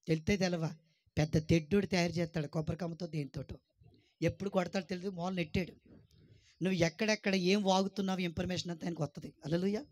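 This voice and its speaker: A man preaching a lively sermon to his congregation, exhorting them with repeated rhetorical questions and calls for praise, and teasing his listeners with jokes. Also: high voice. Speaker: pastor.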